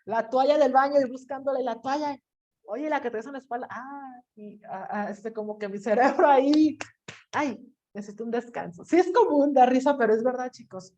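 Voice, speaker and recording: A woman's voice: high-pitched, normal speed, mellow. A woman teacher giving a chatty class lecture, acting out little inner voices as she explains. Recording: lo-fi dull audio.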